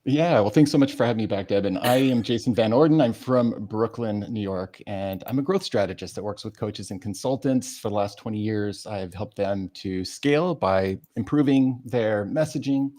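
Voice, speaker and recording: Mellow, dark-toned man. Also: on the low side, normal speed, few pauses. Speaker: panel guest, growth strategist. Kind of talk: casual professional self-introduction.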